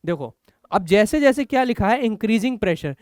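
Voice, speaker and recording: A man's voice: high voice, lively intonation, brisk, darkish tone, dry recording, clean studio sound. A man teaching chemistry, encouraging and explaining step by step with rhetorical questions. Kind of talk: online exam-prep lecture.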